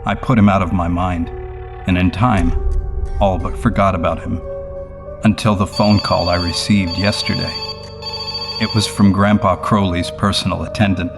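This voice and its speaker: A man with a very low voice narrates a horror story in the first person. He reads from a script in a grave, measured way. Music is clearly audible behind him. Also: fairly even intonation.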